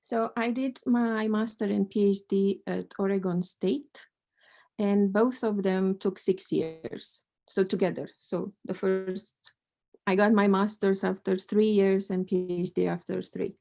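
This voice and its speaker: Answering questions during a panel talk, a middle-aged mathematics professor from Romania uses a mid-range, gravelly, mellow voice. Her intonation stays fairly even and her pace measured, and she is thoughtful and hesitant, with many restarts.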